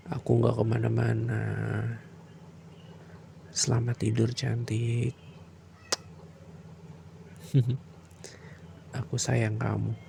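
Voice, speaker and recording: A man doing a soft, soothing bedtime boyfriend roleplay in a close, intimate way, sometimes slipping into a breathy whisper. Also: medium pitch, completely flat delivery, very slow, long pauses, noisy background.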